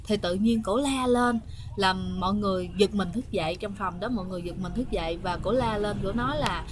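A woman's voice: mid-range voice, a little fast, background noise. Chatty Southern Vietnamese woman storyteller. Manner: chatty, frequent hesitations, keeps addressing listeners. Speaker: ghost story host. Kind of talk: casual spoken storytelling to viewers.

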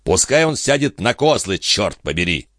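A man's voice: fairly low pitch, big pitch swings, normal speed, a bit bright, dry recording, studio quality. A man voicing a hot-tempered, wounded male nobleman who curses and barks orders. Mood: irritable. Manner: blustering, gruff.

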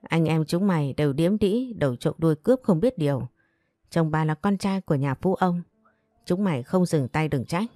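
A woman voicing a jealous young concubine who hurls abuse, with a low, dark voice. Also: expressive, normal speed, dry recording, clean studio sound, soft background music. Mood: furious. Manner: scolding, abusive. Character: foul-mouthed jealous young concubine, shrill.

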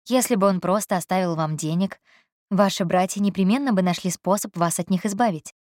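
A woman reading an audiobook, voicing a composed young woman financier who speaks evenly, softly and with quiet irony. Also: medium pitch, dry recording, clean studio sound, lightly acted. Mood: calm. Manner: even, soft and unhurried.

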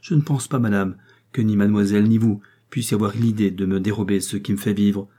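Dignified sad young widow, read by a man, restrained and grave, mellow low voice. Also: steady tone, brisk, husky. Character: proud grieving young widow, lacemaker.

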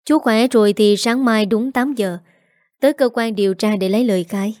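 A woman voicing a calm, formal male police officer delivering a summons. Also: sits high, moderate pace, dry recording, clean studio sound, natural voice. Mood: curt. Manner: formal and curt.

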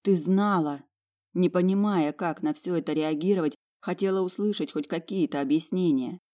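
A woman narrating a first-person fantasy audiobook in an expressive, dramatic reading. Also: on the low side, fairly quick.

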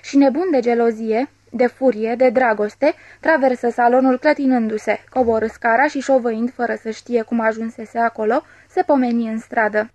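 A woman reading a classic novel aloud as an audiobook narrator, measured and expressive, voicing the dialogue. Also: on the high side, dry recording. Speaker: audiobook reader.

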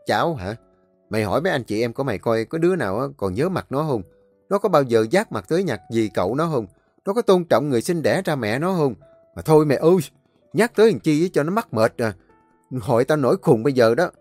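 A man's voice: a little high, big pitch swings, brisk, a little mellow, dry recording, voice pushed up. A harsh older brother who scolds with scorn in a raised, heated voice, as a male narrator plays him. The comes through, and the audio is dry with faint music. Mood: scornful.

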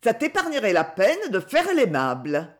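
A woman's voice: medium pitch, wildly swooping pitch, moderate pace. A woman reading aloud voices a spiteful, mocking young woman in an audiobook, sneering and scornful.

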